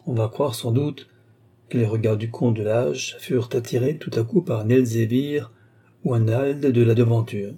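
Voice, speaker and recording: A man reading a nineteenth-century short story aloud in a measured, expressive narration. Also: medium pitch, breathy edge. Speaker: audiobook narrator. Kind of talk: scripted literary narration.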